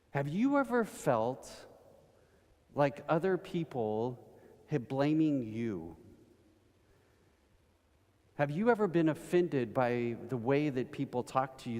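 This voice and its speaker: A man preaching a sermon, telling everyday stories at an unhurried pace and building to emphatic bursts. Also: mid-range voice, a little mellow. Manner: slow, storytelling delivery with rising emphatic bursts. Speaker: pastor. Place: church sanctuary. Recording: long reverb of a church hall.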